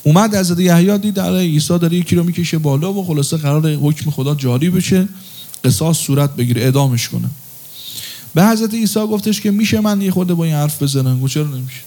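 Preaching man with a mellow voice. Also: a little high. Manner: conversational, sometimes chants a line in a sung tone. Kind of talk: sermon.

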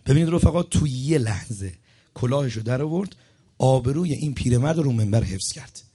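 A man's voice: mid-range voice, expressive, warm tone, slightly rough. A man preaching a sermon at a religious gathering, telling a story and speaking straight to the congregation, repeating phrases for emphasis. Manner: speaks directly to the congregation, urging and instructing.

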